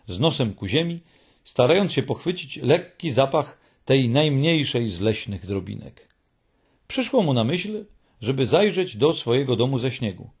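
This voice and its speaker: A man narrating a children's storybook in a slow, calm, husky voice. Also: medium pitch. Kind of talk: audiobook narration.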